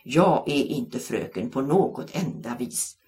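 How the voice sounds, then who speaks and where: A large, kindly male substitute teacher in a children's audiobook with a deep, dark voice, put on by a woman reading the story. He speaks warmly to the class and gets a little flustered. His speech swings up and down in lively curves. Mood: friendly.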